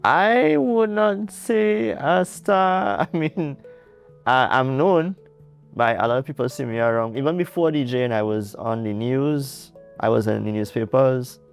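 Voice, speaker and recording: A man's voice: medium pitch, measured pace, clean tone, soft background music. A young Trinidadian man, a guest in an interview, telling his story earnestly with restarts and light laughs. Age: young adult. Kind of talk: casual interview.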